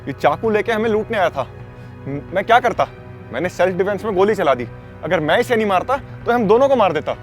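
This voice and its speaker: A man playing a fast-talking evasive politician. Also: high-pitched, animated, faint music behind. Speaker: politician under questioning.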